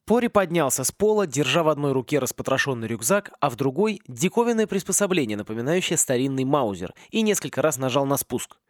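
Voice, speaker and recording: Lively male audiobook narrator. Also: mid-range voice, fast talker, few pauses, no echo, studio quality. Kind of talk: scripted narration.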